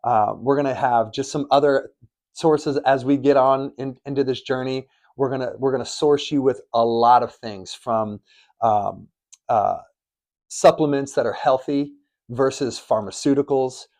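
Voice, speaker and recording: A man's voice: medium pitch, measured pace, a little mellow. A middle-aged man co-hosting a faith podcast, telling stories in an earnest, preachy way. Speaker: podcast co-host. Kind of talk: faith-based podcast chat. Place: studio in Arizona.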